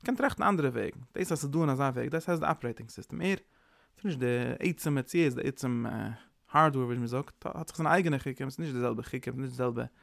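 Gravelly man giving a rambling sermon. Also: mid-range voice, fast talker, few pauses, no echo, clean studio sound. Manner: rambling, animated, mixing in English terms. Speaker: preacher. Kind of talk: informal Yiddish-tinged sermon.

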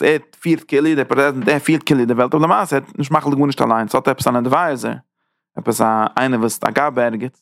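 A man giving an informal religious lesson, talking haltingly, restarting phrases as he searches for words and rising emphatically on key points. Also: mid-range voice, creaky, a bit bright, dry recording, clean studio sound. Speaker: religious teacher. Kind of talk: informal spoken Torah lesson.

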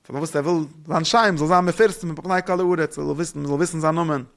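A man giving a spoken religious lesson, rambling quickly and posing rhetorical questions to his listeners. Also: on the high side, gravelly. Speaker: religious teacher.

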